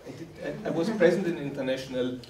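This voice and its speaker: A man's voice: a little high, quick pace, noisy background. A man addressing participants in a formal, encouraging closing speech. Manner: formal, encouraging, repetitive phrasing. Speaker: camp organizer. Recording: roomy hall from a distance.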